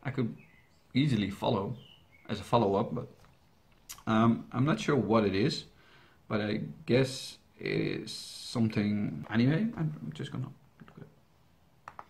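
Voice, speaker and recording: With a lowish, slightly mellow voice full of vocal fry, a young native Dutch speaker from the Netherlands answers viewer questions in English for his YouTube reaction channel. His delivery is sing-song and unhurried, broken by long pauses. He's jokey and rambling, hesitant, constantly restarting and using fillers.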